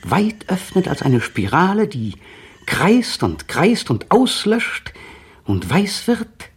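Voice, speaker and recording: A high male voice, breathy at the edges, swoops wildly in pitch and takes its time in a heavily acted delivery. The actor plays a brooding man in a radio drama, recalling a still afternoon through an inner monologue that at moments turns fevered.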